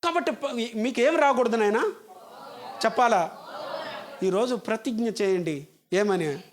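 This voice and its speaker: A man's voice: very high-pitched, a little slow, slight background noise. A male pastor, preaching a sermon and firing rhetorical questions at his congregation in an emphatic, scolding way.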